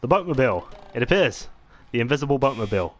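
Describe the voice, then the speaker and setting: A man chatting casually as he commentates his gameplay, rambling with many pauses and restarts. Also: mid-range voice, very animated. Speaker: gaming channel host. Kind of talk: let's-play gameplay commentary.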